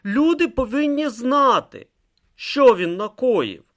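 A reader voicing an exhausted, stubborn young novice monk who speaks slowly and with strain in an audiobook. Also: medium pitch, lively intonation, fairly bright tone, voice pushed up. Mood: strained resolve. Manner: slow, strained, determined. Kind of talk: audiobook character voice.

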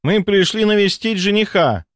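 Male reader doing a high-pitched haughty countess, insistent, dry close read. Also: animated, normal speed, fairly bright tone, dry recording. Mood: proud. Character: anxious haughty aristocratic countess, woman. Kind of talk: audiobook character voice.

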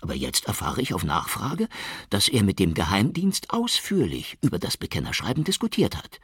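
A man voicing a hoarse, weary middle-aged police chief who broods and schemes in an audiobook. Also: on the low side, wildly swooping pitch, moderate pace, no room sound, studio quality, voice pushed up, full character voice. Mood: aggrieved. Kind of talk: audiobook character voice.

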